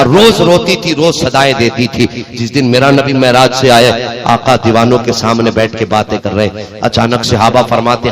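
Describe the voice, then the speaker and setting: A man giving a devotional sermon as a preacher, rising to high ringing calls and dropping to soft storytelling, with chanted verse lines. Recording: crowd heard behind the voice.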